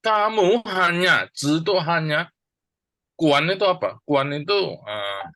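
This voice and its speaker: Slow, deliberate male Bible teacher. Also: on the high side, lively intonation, bright, forceful tone, dry recording. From Indonesia. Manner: explains word by word, asks and answers his own questions; slow and deliberate with many pauses. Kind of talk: teaching a Bible verse, mixing two languages.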